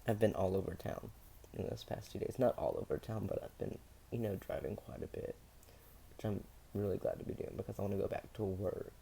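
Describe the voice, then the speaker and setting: A young adult man speaking candidly in a personal video diary, hesitant, with many pauses and fillers. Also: on the low side, gravelly, dark tone, a little hiss or hum. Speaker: vlogger.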